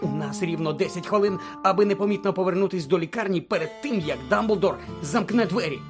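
A man's voice: high-pitched, fairly quick, over music, pitched above the performer's own voice, close to an everyday voice. A man voicing an anxious, bossy schoolgirl in an audiobook, with an urgent, breathless delivery.

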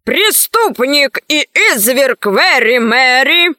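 A woman's voice: high-pitched, big pitch swings, slow, pushed and bright, no echo, studio quality, full character voice. A woman doing a pompous fat court official. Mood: proclaiming. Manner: pompous, proclaiming.

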